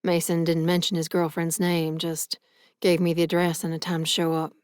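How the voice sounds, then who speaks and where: An easygoing man with a deep, dry sense of humor, read by a woman narrator. He teases lightly and sounds relaxed in a storybook romance. The voice sits low and close, with no room sound. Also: normal speed, clean tone, no echo, natural voice. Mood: wry.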